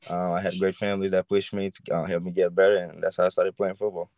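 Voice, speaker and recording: A man's voice: sits low, little pitch movement, darkish tone, dry recording. A young man from Haiti, a college punter, talking casually on a video call with frequent fillers and restarts. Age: young adult. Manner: halting, many fillers and restarts. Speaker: guest, college football punter. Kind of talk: casual interview. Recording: dull lo-fi video call audio.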